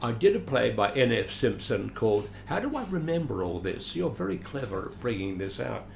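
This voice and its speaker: Chatty and rambling, an older interview guest from Adelaide, Australia, a veteran actor, looks back on his career with dry, self-mocking humor. His medium-pitched, creaky voice swings widely in pitch and moves a little fast, with a slight hiss or hum.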